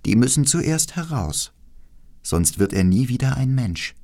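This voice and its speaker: A man's voice: medium pitch, a little slow, creaky. A man doing a grave old wise woman. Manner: calm, grave, instructing. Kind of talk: audiobook fairy-tale reading.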